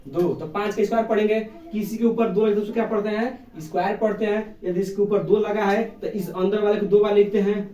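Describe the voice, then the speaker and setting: Guy teaching kids math, high voice, keeps asking and answering himself, kinda far from the mic. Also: steady tone, fairly quick, hardly any pauses, dark tone. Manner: keeps asking questions and answering them himself, repeating key words; calls pupils "babu", affectionate. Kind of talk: classroom lesson. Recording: echoey room, voice from off the mic.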